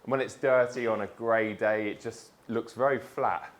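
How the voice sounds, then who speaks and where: Steady in tone and lowish in pitch, a man speaks at a moderate pace while vlogging the collection of his new car from a dealership. His casual chat is eager and talkative, with "mate" dropped in.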